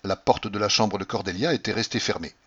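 Husky man narrating a novel. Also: on the low side, a little fast. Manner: expressive storytelling. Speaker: audiobook narrator. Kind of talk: literary audiobook narration. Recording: dull lo-fi recording.

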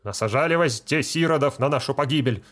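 A man voicing a pleading, wailing village deacon with a bad tooth, in a high, strained voice. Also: fast, a bit bright, close to an everyday voice. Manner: pleading, then wailing and scolding.

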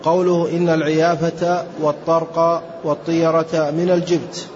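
A student reading a classical text aloud in a steady recitation. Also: male voice, on the high side, moderate pace. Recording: dull lo-fi recording with faint hiss.

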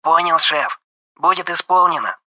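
A man's voice: on the high side, moderate pace, pushed and bright, voice pushed up. A man voicing a flustered young male subordinate woken by a phone call, eager to please, in an audiobook.

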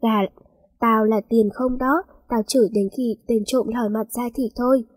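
A woman voicing a miserly old village woman who yells curses, in a spoken story. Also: fairly high pitch, fairly even intonation, normal speed, husky, dry recording. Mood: stubborn. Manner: yelling curses.

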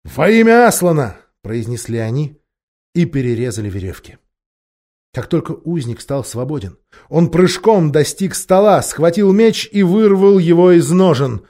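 A man giving an expressive, dramatic reading of a storybook. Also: fairly high pitch, moderate pace. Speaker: audiobook reader. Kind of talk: storybook narration.

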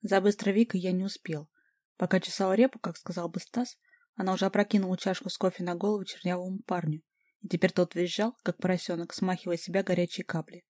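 A woman narrating an audiobook in a lively first-person reading. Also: lowish voice, fast talker, dry recording, clean studio sound. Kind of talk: scripted narration.

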